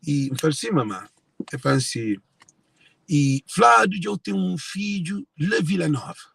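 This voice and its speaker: Cape verdean guy talking straight to viewers, pretty high voice, keeps repeating himself, dry close sound. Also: lively intonation, moderate pace, vocal fry, fairly bright tone, slightly rough, no room sound. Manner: repetitive, circling back to phrases. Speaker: speaker sharing personal family story. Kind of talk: emotional monologue to viewers.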